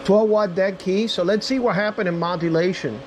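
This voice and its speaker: A man with a fairly high voice, speaking at normal speed over a noisy background, reviews and demonstrates a radio. The demo is casual and unscripted, and he talks straight to viewers, calling them "guys."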